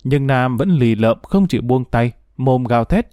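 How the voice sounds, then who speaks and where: Man, audio story narrator, expressive, dry close recording. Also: mid-range voice, moderate pace, no room sound.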